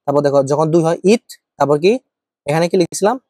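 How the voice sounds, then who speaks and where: A man's voice: on the high side, fast talker, mellow, no room sound, clean studio sound. A male chemistry teacher giving an informal lecture, asking and answering his own questions and checking in with students often. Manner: asks and answers his own questions, thinks aloud while writing.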